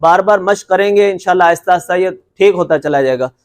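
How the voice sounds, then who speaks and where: Man, high-pitched voice, recitation teacher, patient and repetitive, drawn-out demonstration sounds, reassuring. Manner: repeats points patiently, stretching letter sounds to demonstrate them; reassuring and encouraging. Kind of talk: classroom lecture with slides.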